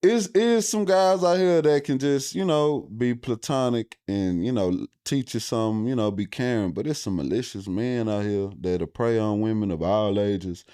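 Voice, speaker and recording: A man's voice: medium pitch, moderate pace, hardly any pauses, warm tone, clean tone, dry recording, studio quality. A man hosting a podcast interview, talking casually in loose, rambling, slangy sentences. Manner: rambling, loose slangy talk full of "you know". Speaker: podcast host.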